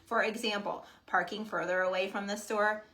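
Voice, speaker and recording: Friendly woman fitness coach on a casual coaching webinar. She lays out each tip step by step and tags her points with a quick check-in. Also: medium pitch, fairly even intonation, pushed and bright, rough recording.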